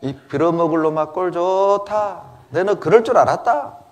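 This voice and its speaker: A man's voice: fairly low pitch, expressive, brisk, a little mellow, voice pushed down, lightly acted. A man putting on a jeering, spiteful curser. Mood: mocking. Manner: jeering, mocking. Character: spiteful man hurling curses at a fallen king.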